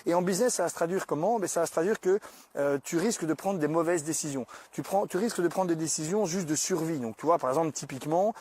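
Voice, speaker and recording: A man hosting a podcast, talking through business ideas in a casual, colloquial way, often pausing and restarting as he speaks directly to the listener. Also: on the high side, darkish tone. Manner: hesitant, many pauses and restarts. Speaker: podcast host.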